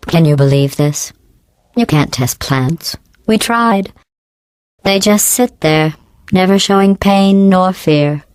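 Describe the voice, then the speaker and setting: Slow and clean in tone, this dry recording features a woman performing scripted game dialogue as a passive-aggressive female AI conducting lab tests. Her delivery is deadpan and falsely polite with dry disdain, run through robotic pitch-correction for a processed, synthetic cadence.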